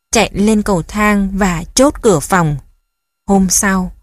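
A woman narrating a family drama audiobook in a calm, measured way. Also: medium pitch, no echo, clean studio sound.

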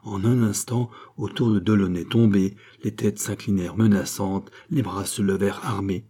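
Male narrator for a classic novel; low, dark, slightly husky, measured and dramatic. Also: fairly even intonation. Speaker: audiobook narrator.

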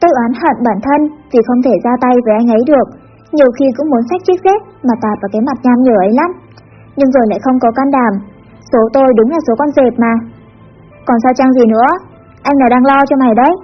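High-voiced woman narrating a story. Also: fast talker. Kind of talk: scripted narration of a teen story. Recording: dull lo-fi with faint music.

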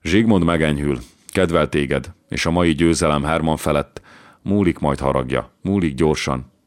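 A man voicing a thin, hunched, shrewd male priest who hisses his words in exasperation. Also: rumbling low. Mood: reassuring. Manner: hissing, exasperated.

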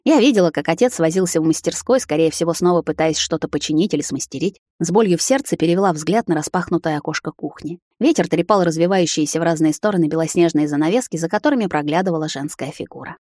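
A woman narrates a novel in the first person, in a soft, even, slightly low voice. It is close and dry, with no room sound. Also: fast talker, hardly any pauses, no room sound. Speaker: audiobook reader.

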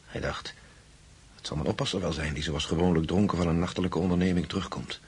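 In a radio drama, an actor plays Pavel, a grave friend who recounts a ghostly tale in the first person, and the mood is grave and measured. His voice is low and husky, with fairly even intonation, and he talks fast.

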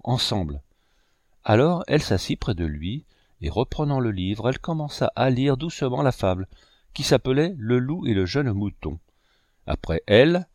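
Lively male storyteller, dry close mic. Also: medium pitch, no echo. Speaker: audiobook narrator. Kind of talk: scripted narration.

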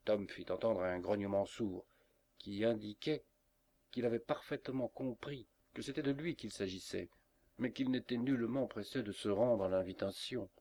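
A man narrating a classic novel in a measured, expressive way. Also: on the low side. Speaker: audiobook narrator. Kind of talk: scripted narration.

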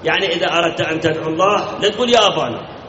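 Preacher guy, pretty high voice, keeps repeating stuff and quizzing people, far off in a big echoey hall, dull sound. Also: steady tone, very fast, pushed and bright, a little hiss or hum. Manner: emphatic, repeats key words, asks listeners questions. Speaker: cleric. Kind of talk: sermon. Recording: echoey hall, distant mic, lo-fi.

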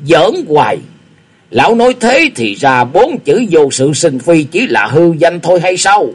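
A man doing an eccentric old martial-arts wanderer from a read-aloud wuxia tale. He taunts and scolds at full volume, his husky voice swooping up and down in a lively way. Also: on the high side, unhurried, pitched above the performer's own voice, full character voice. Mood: mocking. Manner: loud, cackling, taunting.

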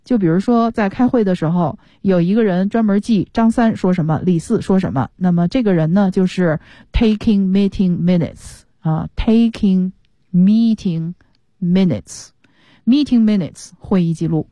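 A woman's voice: medium pitch, moderate pace, mellow, dry recording. A woman English teacher on a studio radio show, patiently explaining pronunciation step by step.

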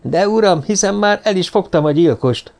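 A man's voice: sits high, expressive, gravelly, darkish tone, voice pushed up. A man voicing a boastful, jovial male police inspector in an audiobook reading, telling his story with eager self-satisfaction.

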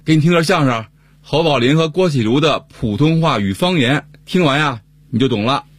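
一位男主持人用闲聊的方式说着广播段子，嗓音微哑。. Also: male voice, a little high, expressive, a little fast, slightly rough, no room sound. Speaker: radio show co-host. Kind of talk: scripted casual chat with jokes.

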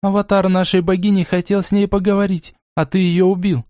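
A man voicing a fiery, indignant young female envoy who speaks in a high, sharp, accusing voice. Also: moderate pace, no room sound, studio quality, natural voice. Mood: outraged.

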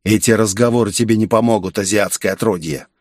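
A man voicing a hostile, gruff grown man who defends his family, in a rough, contemptuous tone in an audiobook. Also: fairly low pitch, fairly even intonation, fast, no room sound, studio quality, natural voice. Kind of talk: audiobook character voice.

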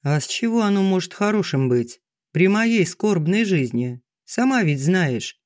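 A man reading an audiobook, voicing a grumbling, sharp-tongued middle-aged village woman who teases her friend. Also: high-pitched, sing-song, measured pace, no room sound, studio quality. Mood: sulky. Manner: gruff and teasing. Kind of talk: audiobook dialogue.

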